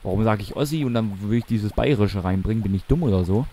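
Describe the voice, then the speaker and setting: Rambling young man with a mellow low voice. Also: fast. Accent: Mansfeld regional German. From eastern Germany. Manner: rambling, chatty, self-correcting. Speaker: let's play commentator. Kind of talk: casual gaming commentary.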